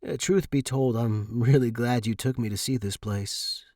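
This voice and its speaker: A man playing a gentle, shy young man. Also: medium pitch, moderate pace, no echo, clean studio sound, lightly acted. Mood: reassuring. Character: shy, easygoing young man lost underground.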